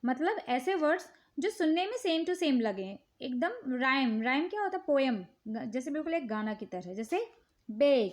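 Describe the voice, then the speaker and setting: A teacher with an Indian accent and a high, light voice goes through a children's worksheet in a casual instructional talk. Her intonation is lively, and she speaks slowly and patiently, repeatedly checking in with the listener and saying "ठीक है" often.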